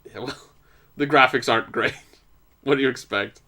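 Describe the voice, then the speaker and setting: Bright-toned man hosting a let's play, loose and rambling, laughing through the chat. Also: medium pitch, moderate pace. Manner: laughing, rambling, full of fillers. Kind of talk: casual gameplay chat.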